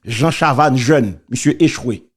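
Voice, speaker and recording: A man's voice: medium pitch, a little slow, breathy edge. A man with a Haitian accent giving casual spoken commentary on church and politics, preachy and emphatic, repeating key phrases.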